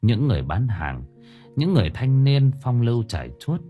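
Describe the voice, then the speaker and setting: A man reading a story aloud as an audiobook narrator in expressive, scripted narration. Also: mid-range voice, moderate pace, highs cut off, soft background music.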